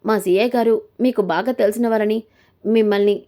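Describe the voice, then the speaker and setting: A woman's voice: medium pitch, steady tone, brisk, warm tone, natural voice. A woman voicing a polite male police sub-inspector returning a gun.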